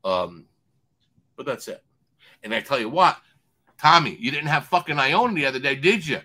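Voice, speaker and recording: A swearing sports bettor who rants loudly and plays out the other people in his story himself. His voice is bright and forceful, pitched at an ordinary middle height for a man. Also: expressive, moderate pace. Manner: loud, swears constantly, acts out other voices. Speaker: sports betting handicapper guest. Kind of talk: profane ranting storytelling.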